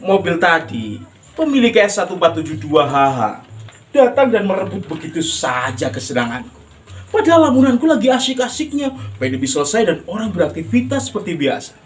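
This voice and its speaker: Male actor, bitter working-class ranter, theatrical and declamatory; high, very animated pitch, music underneath. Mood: bitter, sardonic. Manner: declamatory, dramatic drawn-out phrases. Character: bitter, ranting working-class man, sardonic and grandiose. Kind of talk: theatrical monologue, stage acting.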